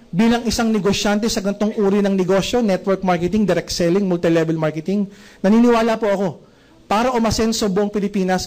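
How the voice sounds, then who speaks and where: A man with a very high-pitched voice gives a motivational talk at a network marketing event. He keeps quizzing the audience with rhetorical questions. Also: a little mellow.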